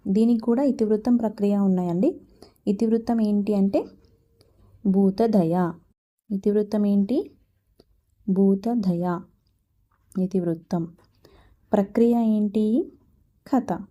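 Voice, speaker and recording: A teacher from Telangana, this woman has a mid-range, dark-toned voice. She explains a school textbook lesson by posing questions and then answering them herself.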